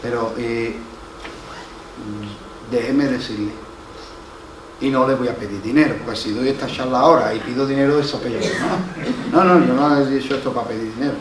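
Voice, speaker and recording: A man's voice: medium pitch, brisk, long pauses. A man with an Andalusian Spanish accent, a pastor preaching a sermon, telling a story and acting out the voices in it, repeating his key lines for emphasis. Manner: storytelling, acts out quoted voices, emphatic repetition. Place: church hall. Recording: roomy, from far off, faint noise.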